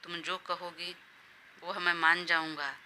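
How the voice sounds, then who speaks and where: A woman's voice: on the low side, little pitch movement, unhurried, sharp tone, a little hiss or hum. A woman voicing a caring, indulgent young male boss in an audio drama. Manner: indulgent, obliging.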